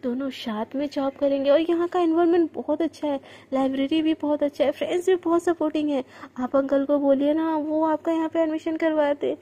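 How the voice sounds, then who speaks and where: A woman's voice: high-pitched, fairly even intonation, brisk, dark tone, natural voice. A woman voicing a young woman student in love who stammers and pleads when frightened. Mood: tender.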